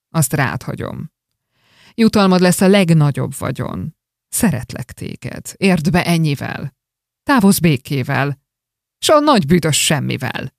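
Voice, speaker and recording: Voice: mid-range voice, dry recording, clean studio sound, lightly acted. A reader voicing a dying old miserly Scotsman. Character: dying old miserly Scottish father, gruff and scornful. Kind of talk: rhymed story reading.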